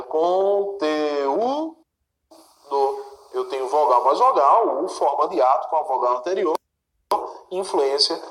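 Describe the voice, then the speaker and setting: Man, teacher, question-and-answer explaining, fairly high voice, echoey room. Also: fairly bright tone. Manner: asks and answers his own questions, checks in with the listener. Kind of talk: recorded exam-prep lesson.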